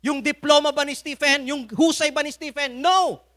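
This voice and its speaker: A man's voice: extremely high pitch, flat delivery, moderate pace, pushed and bright. A man with a Filipino accent preaching a sermon at a church service, telling stories with humor and frequent laughter. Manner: humorous storytelling, laughs often.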